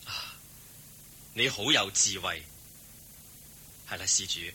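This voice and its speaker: In a Hong Kong Cantonese radio drama, a male actor plays a serene, kindly holy teacher, speaking in a composed and gently instructive way. His low-pitched voice takes things slowly, the performance is heavily acted, and there's slight background noise.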